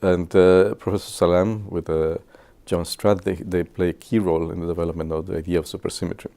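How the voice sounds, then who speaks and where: A man in his sixties from Guatemala, speaking English, shares memories with students in a halting way, full of filler pauses. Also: low voice, little pitch movement, vocal fry, warm tone. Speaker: physicist. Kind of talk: reminiscing talk to students.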